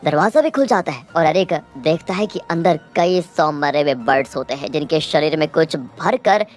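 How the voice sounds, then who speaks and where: Low-voiced woman narrating a movie plot. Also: expressive, normal speed, soft background music. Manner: storytelling, addresses viewers as friends.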